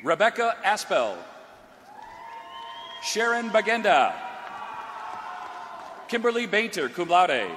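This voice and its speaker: A man with a high, bright voice calls graduates' names slowly into a podium microphone, his pitch swinging up and down between names. His voice rings through a large hall with a long reverb, and a crowd murmurs underneath. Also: big pitch swings, noisy background. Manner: slow, drawn-out announcing of each name. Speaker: commencement name reader. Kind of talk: reading graduates' names at a ceremony.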